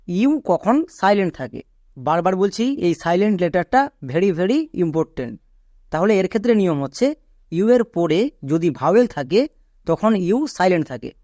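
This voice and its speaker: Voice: medium pitch, a little mellow, no room sound, clean studio sound. A teacher giving an online pronunciation lesson. They patiently repeat each rule and spell words out one letter at a time.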